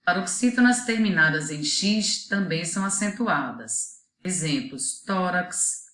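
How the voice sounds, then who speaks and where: A woman teacher with a Brazilian Portuguese accent giving a video lesson to children, saying each example word slowly and deliberately. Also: fairly low pitch, lively intonation, a bit bright. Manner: slow, deliberate, spells out example words one by one. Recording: echoey room.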